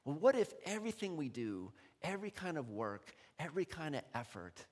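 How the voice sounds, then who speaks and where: Animated man preaching in a hall. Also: on the high side, brisk. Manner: conversational, animated, laughs often. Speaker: pastor. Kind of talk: sermon. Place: church sanctuary. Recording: long reverb in a large hall.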